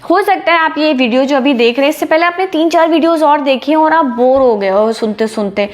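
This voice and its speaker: High-voiced, lively woman speaking coach. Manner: energetic, chatty, asks "ठीक है?" after each point. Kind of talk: casual teaching talk to camera.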